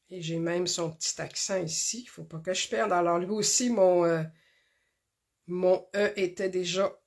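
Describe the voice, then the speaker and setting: A woman hosts a card-making tutorial, talking slowly and carefully through each step with many pauses and fillers. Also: fairly low pitch, creaky. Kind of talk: casual craft demonstration.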